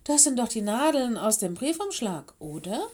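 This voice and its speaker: A woman's voice: on the high side, big pitch swings, normal speed, darkish tone, voice pushed up. A woman doing a nimble, cheerful little girl critter. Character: small girl animal with claws, nimble, cheerful.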